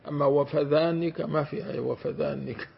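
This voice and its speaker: A man's voice: a little high, fairly even intonation, fairly quick, gravelly, breathy edge. A man, a sheikh teaching a class on Quranic commentary, who stretches out words to demonstrate them and checks that his students follow. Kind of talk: classroom lecture on grammar. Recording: dull lo-fi recording with faint hiss.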